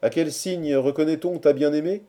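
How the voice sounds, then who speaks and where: A man's voice: a little high, fairly even intonation, normal speed, dark tone, voice pushed up, natural voice. A man voicing a boisterous group of young male friends in a storybook reading, teasing and mocking.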